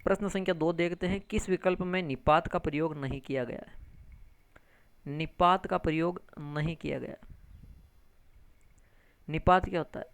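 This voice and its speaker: A man's voice: fairly high pitch, steady tone, normal speed, long pauses, clear, resonant tone. A male grammar teacher giving an exam-prep lesson, explaining step by step and answering his own questions. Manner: addresses viewers as friends, frequent tag questions.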